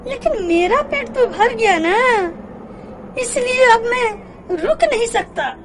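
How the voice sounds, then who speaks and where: A woman's voice: slow, full character voice. A woman voicing a sly, sweet-talking male jackal in a storybook cartoon. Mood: sly, sugary. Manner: sweet-talking, very high and lively. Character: sly scheming male jackal, small and chirpy. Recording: clear background noise.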